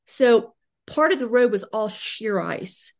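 A woman's voice: a little high, animated, slow pace. A woman, a podcast guest chatting in an effusive, gushing way and repeating herself. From United States. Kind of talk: casual interview chat.

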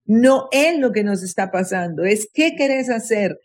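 A woman giving advice on mental health in an interview, speaking slowly and emphatically and acting out complaining voices. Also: medium pitch, animated, a little mellow. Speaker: guest psychologist.

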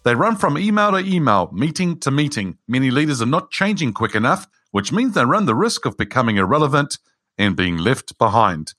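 A man's voice: medium pitch, big pitch swings, fairly quick, bright, forceful tone, no room sound. Man, podcast host, upbeat delivery, dry close sound. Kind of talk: scripted opening, then interview.

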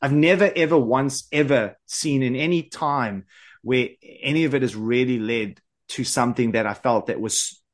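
A man with a South African accent, hosting a podcast in relaxed, friendly chat, full of fillers. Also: mid-range voice, normal speed. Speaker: podcast host.

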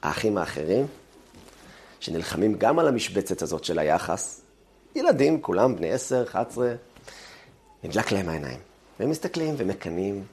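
A man's voice: low-pitched, pauses often, a little hiss or hum. A man giving a talk on the weekly Torah portion, telling family stories and acting out their quotes. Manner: animated storytelling with acted-out quotes. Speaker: religious teacher.

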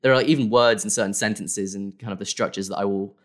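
Young guy, lowish voice, loose rambling guest chat, full of "like" and "um". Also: fairly even intonation, quick pace. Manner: rambling, many fillers and self-corrections. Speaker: guest creator. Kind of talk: casual interview.

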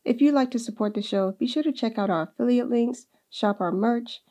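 A woman hosts a video podcast with a mellow, soft-edged voice. She is friendly and a little hesitant, smoothing her way into questions with small fillers. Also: on the high side, fairly quick. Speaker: podcast host. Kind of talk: podcast hosting.

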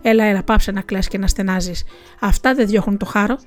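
A cool-headed, stern nobleman giving orders in a storybook tale, as a woman narrator acts him out. He speaks in a measured, firm way at a middle pitch, with faint music behind. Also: fairly even intonation, lightly acted. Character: stern, calm Persian nobleman, middle-aged man.

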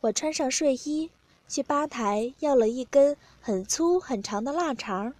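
High-voiced woman reading a story. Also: unhurried, no echo. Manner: plain, steady first-person telling. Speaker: narrator.

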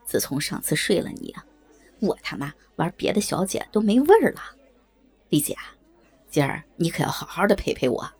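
A woman's voice: low voice, animated, moderate pace, a little mellow, breathy edge, soft background music, pitched below the performer's own voice, heavily acted. A woman voicing a crude, balding, fat male boss who wheedles and blusters coarsely. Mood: wheedling. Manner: coarse, pleading, swaggering.

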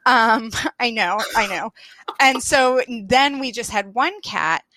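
A woman in her thirties telling a story in a casual conversation, animated and self-deprecating, often laughing. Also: fairly high pitch, slow pace, no echo. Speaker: guest.

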